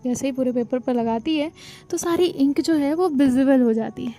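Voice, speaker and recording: High-voiced woman telling a romance story. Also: normal speed, warm tone, soft background music.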